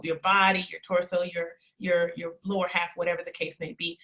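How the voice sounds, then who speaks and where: A woman in her thirties who owns a charm academy and teaches etiquette appears as an interview guest. In a mid-range, slightly bright voice, she explains her methods instructively and acts out example sentences, shifting the emphasis each time.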